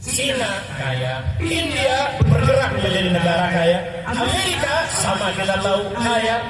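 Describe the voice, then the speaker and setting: Male preacher, fairly high voice, open-field sermon heard over echoing speakers from a distance, big swings from quiet to shouting. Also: big pitch swings, a little slow, heavy background noise. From Indonesia. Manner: swings between low asides and shouted high climaxes; rhetorical questions answered himself. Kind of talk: Eid sermon. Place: outdoor field prayer gathering. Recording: echoey loudspeaker sound from far off.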